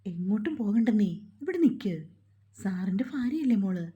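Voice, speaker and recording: A woman's voice: mid-range voice, animated, normal speed, dark tone, dull audio, close to an everyday voice. A woman voicing a kind, motherly older housekeeper who fusses and coaxes with worried questions. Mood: alarmed. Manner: doting, coaxing questions.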